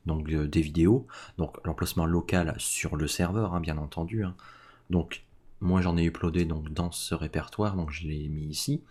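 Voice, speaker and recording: A man casually talking through a screen-recorded software tutorial, filling his talk with little fillers. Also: low voice, slightly rough. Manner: casual, full of "donc" and "hein" fillers. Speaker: tech tutorial host.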